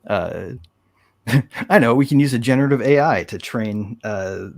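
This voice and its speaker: A man's voice: medium pitch, lively intonation, a little slow, vocal fry. A man co-hosting a podcast, talking in a joking, loose, conversational way. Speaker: podcast co-host. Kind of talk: casual chat.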